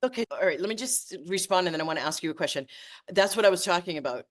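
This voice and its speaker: A woman's voice: on the low side, expressive, rapid-fire. Passionate woman energy-medicine teacher. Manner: passionate, emphatic, exaggerating for effect; stumbles and restarts when worked up. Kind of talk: podcast interview.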